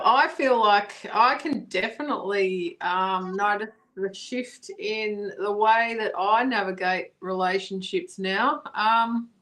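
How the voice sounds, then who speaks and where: A woman co-hosting a live video chat, speaking hesitantly with many pauses and restarts. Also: medium pitch, fairly bright tone. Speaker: co-host of a live wellbeing chat.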